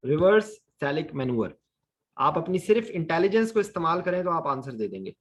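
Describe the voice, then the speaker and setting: A man's voice: on the high side, sing-song, normal speed. A man teaching an online anesthesia lesson, quizzing his students and mixing English medical terms into his speech. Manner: questions students, mixes English terms into Urdu.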